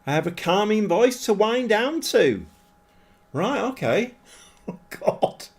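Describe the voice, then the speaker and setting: Chatting loosely with his audience during a live stream of a football management game, this man is self-deprecating and excitable. His voice is high and carries some breathiness.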